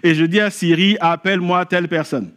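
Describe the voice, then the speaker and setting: A man preaching a sermon at a church service, telling a story and rising to animated exclamations. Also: high-pitched, a little fast. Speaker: pastor.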